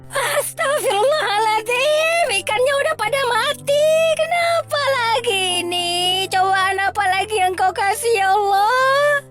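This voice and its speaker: A woman voicing a sobbing, shrill cartoon mother. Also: lively intonation, measured pace. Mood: dismayed. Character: distraught middle-aged village mother. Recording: faint music underneath.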